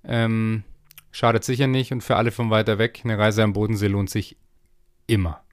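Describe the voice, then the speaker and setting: A man's voice: fairly low pitch, level tone, moderate pace, clear, resonant tone. A man co-hosting a podcast prize draw, chatting casually in a slangy, jokey way. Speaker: podcast co-host drawing prize winners.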